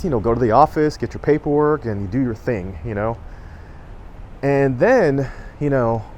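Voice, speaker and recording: A man's voice: mid-range voice, a little mellow. Rambling middle-aged man, faint background noise. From Southern California. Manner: rambling, many fillers and self-corrections. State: emotional, choking up. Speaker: vlogger. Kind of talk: personal storytelling to camera.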